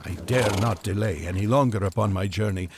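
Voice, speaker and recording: For an audio drama, a male actor with a lowish voice lightly plays an earnest, devout Magian traveler on an urgent quest, speaking in solemn, formal, old-fashioned language. He talks fairly quickly, and there is background noise.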